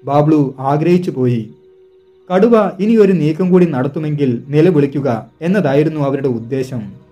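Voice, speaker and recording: Male storyteller, mellow, slightly high voice, suspenseful scripted narration over soft music. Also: unhurried, lo-fi sound. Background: soft background music.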